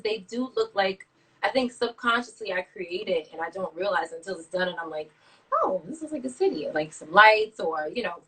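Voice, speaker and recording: A woman from Brooklyn talks casually as a guest artist, pausing and restarting as she thinks aloud. Her voice is bright and a little husky. She sits back from the phone mic, so the live video call audio sounds distant. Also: medium pitch. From Brooklyn, New York. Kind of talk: casual interview over a live stream.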